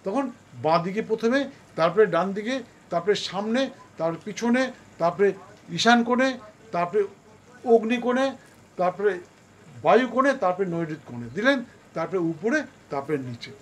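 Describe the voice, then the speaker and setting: A man with a Kolkata Bengali accent teaching a worship ritual step by step, speaking slowly and chanting short prayers. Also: high-pitched, lively intonation, slight background noise. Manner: slow, deliberate instruction with chanted prayers. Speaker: astrologer and puja teacher. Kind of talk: instructional demonstration of a ritual.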